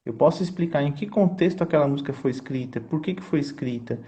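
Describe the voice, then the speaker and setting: A man's voice: on the high side, fast talker, mellow, lo-fi sound. A man, a choir conductor and composer, explaining his craft in an earnest, teacherly way and often checking in with his listener. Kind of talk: explanatory conversation.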